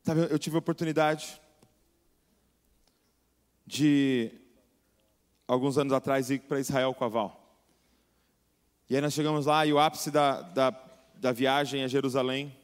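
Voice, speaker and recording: A man preaching a sermon, telling a story in an animated way and acting out the voices of the people in it. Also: medium pitch, measured pace, long pauses, clear, resonant tone. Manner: animated storytelling, acts out voices, rising to fervent. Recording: long hall reverb.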